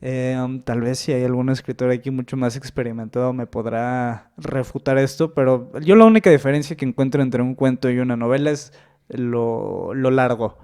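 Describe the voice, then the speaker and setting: Un hombre con acento mexicano, invitado y autor de cuentos, que habla con titubeos y muletillas en una charla casual. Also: male voice, mid-range voice, normal speed, a little mellow, clean tone. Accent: Mexican Spanish. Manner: hesitant, thinks aloud with fillers like este and o sea. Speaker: guest, short-story writer. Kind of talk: casual podcast conversation.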